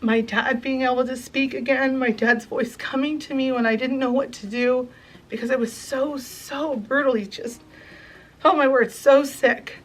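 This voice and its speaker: A woman's voice: high-pitched, steady tone, moderate pace. Teary, earnest woman vlogging at home. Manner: earnest and emotional, thankful. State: near tears. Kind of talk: heartfelt vlog to camera.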